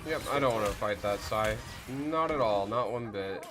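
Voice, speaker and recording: A man's voice: on the low side, expressive, normal speed. A man talking casually with teammates as he plays an online team shooter. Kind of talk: casual gaming chat. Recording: clearly noisy game-session audio. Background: clear background noise.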